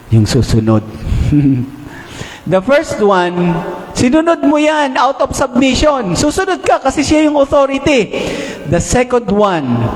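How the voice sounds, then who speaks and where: A male preacher with a Filipino accent giving an animated sermon, swinging his voice up and down and drawing out key English phrases. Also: high voice. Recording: echoey hall, long reverb.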